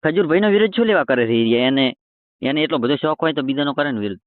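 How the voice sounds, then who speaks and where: A roast video creator on a call argues heatedly, colloquial, headstrong and confrontational. His voice is on the high side with lively intonation, and he talks fast; the tinny phone-line recording has no room sound.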